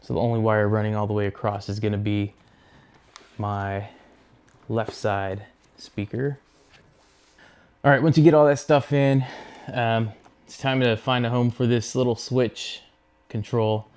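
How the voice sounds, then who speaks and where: The host of a motorcycle gear install video speaks in a fairly low, steady, darkish voice, recorded cleanly. He works through the installation by hand, narrating each step in an easygoing, unhurried manner.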